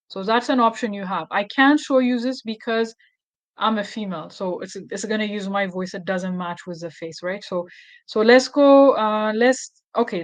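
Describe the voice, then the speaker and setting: A woman's voice: on the high side, no room sound. A woman hosting a casual screen tutorial, thinking aloud with fillers and self-corrections. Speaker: tutorial host.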